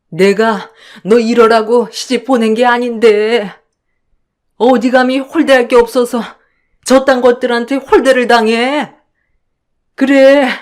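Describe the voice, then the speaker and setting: A woman voicing an older mother who shouts in defense of her daughter and then speaks with regret. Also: on the high side, voice pushed up. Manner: furious and blunt, later tearful and remorseful.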